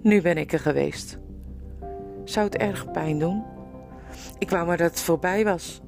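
A woman's voice: lowish voice, measured pace, creaky, over music. A woman voicing an anxious young boy in a storybook reading. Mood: scared.

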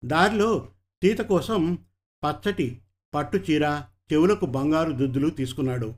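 Man narrating a story, slightly high voice. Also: moderate pace.

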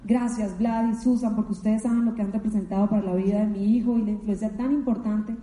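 A woman's voice: medium pitch, steady tone, fast, dark tone. A middle-aged woman from Colombia giving an emotional, emphatic motivational talk, telling her story with many repetitions. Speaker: motivational speaker. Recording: echoey hall with long reverb.

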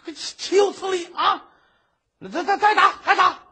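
A man voicing a stern, bullying male high court judge who scorns and barks orders. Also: huge pitch swings, slow pace, fairly bright tone, husky, heavily acted. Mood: furious.

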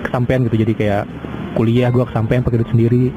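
A man's voice: mid-range voice, little pitch movement, fast talker. A man in his twenties talking through a casual personal podcast monologue, rambling and hesitant with many fillers and restarts. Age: 20s. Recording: outdoor traffic noise behind.

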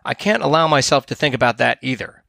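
A man's voice: mid-range voice, expressive, quick pace, gravelly, sharp tone, no echo, clean studio sound. A man reading a curt, stubborn fly. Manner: curt, sarcastic. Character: frantic, stubborn, irritable fly.

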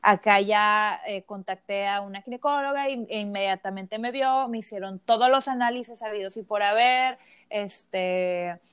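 A woman's voice: mid-range voice, moderate pace, a bit bright, clear, resonant tone. A woman co-hosting a podcast, telling a personal story in casual chat with plenty of fillers. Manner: chatty storytelling with many fillers. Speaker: podcast co-host. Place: lives in California.

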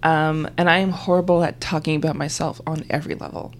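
Deep-voiced easygoing woman podcast host. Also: level tone, fast talker, slight background noise. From Canada. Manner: easygoing, soft backchannels, laughs often. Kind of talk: casual conversation.

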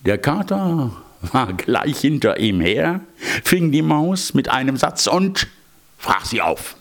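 An older man, a grandfather, telling a fairy tale with slow, gentle storytelling and chatty asides. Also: mid-range voice, big pitch swings, gravelly. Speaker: grandfather reading fairy tales.

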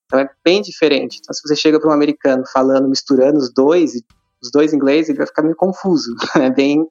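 A man with a Brazilian accent, an English teacher, calmly explaining with examples. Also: fairly high pitch, fast, lo-fi sound, soft background music. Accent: Brazilian Portuguese. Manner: calm, explanatory, gives examples. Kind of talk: casual explaining.

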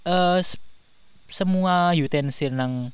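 A man's voice: high-pitched, slow pace, clean tone, no room sound. Teasing young man with an East Javanese accent, dry sound. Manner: teasing, mock-lecturing. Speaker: podcast co-host. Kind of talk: casual podcast banter.

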